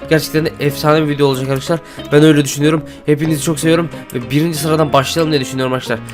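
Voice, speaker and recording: A man hosting Minecraft gameplay commentary, excitable and constantly addressing his viewers. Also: on the high side, rapid-fire, soft background music. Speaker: gaming channel host.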